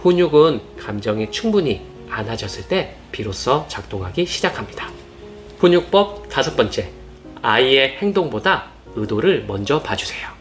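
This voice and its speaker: Male narrator, mid pitch, earnest gentle advice read over faint music. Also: very animated, moderate pace. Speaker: parenting channel narrator. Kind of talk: scripted narration. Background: soft background music.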